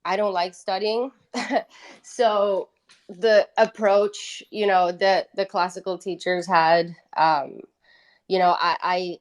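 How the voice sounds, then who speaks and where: A native Italian speaker from Italy, appearing as a musician guest, chats informally in an interview and peppers her talk with "like." Her mid-range voice stays fairly even in intonation, and she takes her time.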